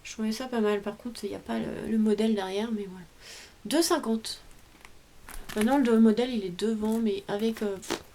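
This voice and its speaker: A woman's voice: a little high, steady tone, normal speed, warm tone, a little hiss or hum. Chatty French woman showing craft buys. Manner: chatty, hesitant, trails off. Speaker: craft vlogger. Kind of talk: casual show-and-tell haul.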